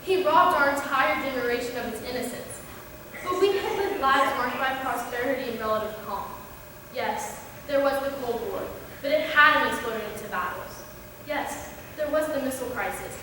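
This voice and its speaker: A young woman playing an earnest female high school student, giving an emphatic, persuasive stage speech. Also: normal speed, noisy background, natural voice. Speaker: student actor. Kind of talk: stage play speech to a class. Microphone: distant room mic. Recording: echoey hall from far off.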